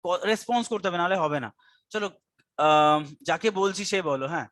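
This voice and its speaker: High-voiced male teacher drilling a chant. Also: moderate pace, a bit bright, dry recording. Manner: drills a memory chant over and over; mixes English terms into his speech. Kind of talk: online exam-prep lecture.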